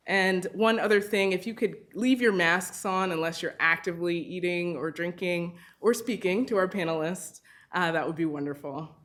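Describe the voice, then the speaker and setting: A woman's voice: fairly low pitch, normal speed, a bit bright. A woman moderator giving formal opening remarks at an event, upbeat and scripted with a few uh fillers.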